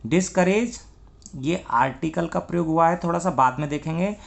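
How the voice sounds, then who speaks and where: A man's voice: fairly high pitch, moderate pace, gravelly. A man teaching English grammar, asking questions and answering them himself and spelling words out letter by letter. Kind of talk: classroom lesson.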